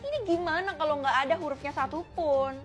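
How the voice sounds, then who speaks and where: High-voiced young woman with a lilt. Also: a little fast, loud music behind the voice. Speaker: storyteller. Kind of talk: comic POV story narration.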